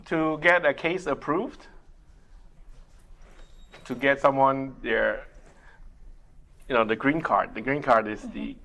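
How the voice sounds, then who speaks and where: A middle-aged man, an immigration attorney with Mandarin Chinese as his first language, responds to interview questions in a community TV studio. He speaks in a measured, step-by-step way with frequent thinking pauses and "uh"s. His mid-range voice is steady, creaky, pushed and bright.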